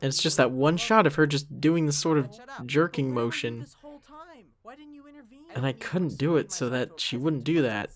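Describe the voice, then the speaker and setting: Speaking at a normal speed in a medium-pitched voice, the young creator of an animated parody series gives a loose, casual commentary. He wanders, runs himself down, and frequently leaves thoughts unfinished.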